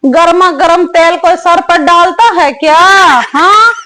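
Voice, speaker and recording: A woman voicing a bossy, aging mother-in-law who nags slowly and scolds in a comic family sketch. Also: extremely high pitch, background noise. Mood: scolding. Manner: slow, scolding, drawn-out nagging.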